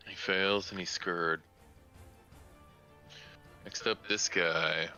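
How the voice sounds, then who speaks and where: A man's voice: low-pitched, fairly even intonation, extremely slow, bright, forceful tone, dull audio, soft background music. A man running a tabletop game over a voice call as dungeon master, narrating enemy turns methodically.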